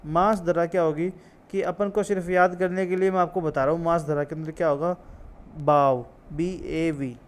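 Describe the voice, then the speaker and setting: A man's voice: high-pitched, steady tone, a little fast, smooth. A man teaching an ayurveda exam lesson, repeating key terms, drilling memory tricks and asking and answering his own questions. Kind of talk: classroom-style lecture with memory tricks.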